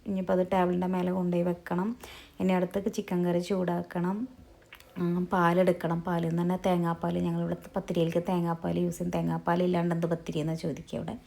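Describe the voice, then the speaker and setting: A woman talks through her cooking vlog in a soft, quiet voice-over. Her voice sits a little low with a gravelly edge. She rambles in a chatty way and keeps correcting herself. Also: completely flat delivery, quick pace. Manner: soft-spoken, low volume. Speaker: cooking vlogger. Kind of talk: casual voice-over narration. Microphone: recorded in a closed room.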